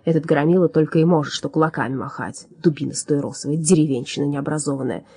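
A woman's voice: deep voice, fast, husky, dry recording, studio quality. A woman playing a grumpy, boastful old hunchback alchemist. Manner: shouting, bragging and scornful. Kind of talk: audiobook character voice.

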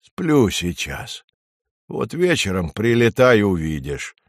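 A man voicing a sleepy female flying squirrel in a storybook reading, speaking slowly and drowsily. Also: lowish voice, very animated, dry recording, studio quality, heavily acted. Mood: drowsy. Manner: slow and drowsy.

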